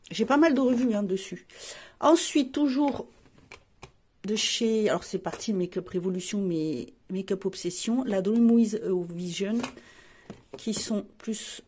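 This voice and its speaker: A woman's voice: medium pitch, darkish tone, a little hiss or hum. Chatty French-speaking woman vlogging. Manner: chatty, rambling, frequent restarts and fillers. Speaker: beauty vlogger. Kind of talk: casual chat showing makeup palettes.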